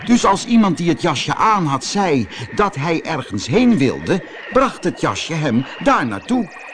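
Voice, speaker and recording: Man reading a children's story, very expressive. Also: a little high, slow pace, a little hiss or hum. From Netherlands. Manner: lively, expressive read-aloud for children. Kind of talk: audiobook fairy tale narration.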